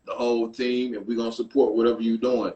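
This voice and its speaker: A man's voice: mid-range voice, flat delivery, quick pace, dark tone, highs cut off. A man from Detroit, a guest in a casual interview, talking in a hyped, slangy way. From Detroit, Michigan. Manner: hyped, slangy, laughs a lot.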